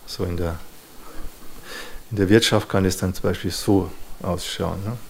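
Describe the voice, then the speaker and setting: A man's voice: low voice, steady tone, a little slow, gravelly, a little hiss or hum. A man giving a lecture on psychology to an audience, thoughtful and searching for words, with frequent small verbal fillers.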